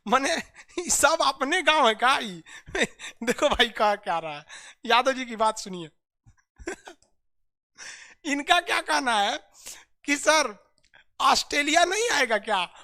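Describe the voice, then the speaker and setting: A man's voice: very high-pitched, pushed and bright. A man with a Bihari accent teaching a live online geography class, energetically drilling students and reading out viewer comments.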